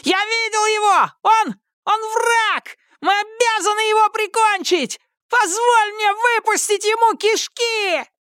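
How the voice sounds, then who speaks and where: Crazed young dude shrieking way up high in a squeaky falsetto, dry close sound. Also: male voice, slow, hardly any pauses, pushed and bright, no echo, full character voice. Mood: frenzied. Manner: shrill screeching falsetto.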